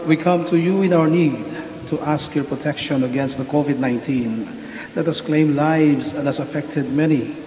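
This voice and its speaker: A man, a priest intoning prayers in a measured way at an online Mass, his voice carrying a cathedral echo. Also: on the high side, darkish tone. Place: large church. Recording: echoey hall with faint hiss.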